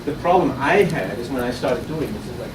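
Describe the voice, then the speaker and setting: Talking a little fast, the Austrian man pitching his startup live stays loose and chatty, tripping over words, repeating them and restarting. He sounds distant in the echoing conference room of an innovation event. A steady hiss of air and room noise lies under the noisy audience recording.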